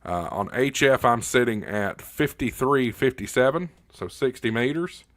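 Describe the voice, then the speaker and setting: Medium-pitched and fairly bright, this animated man hosts a casual ham radio livestream, answering viewer questions folksily and with halting pauses. He speaks close up on a directional studio condenser microphone.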